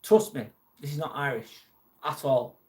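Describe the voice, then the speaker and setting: Reading viewer comments aloud on his live stream, this man from England keeps things chatty and jokey, though a troll mildly annoys him. He speaks at a measured pace in a slightly high voice.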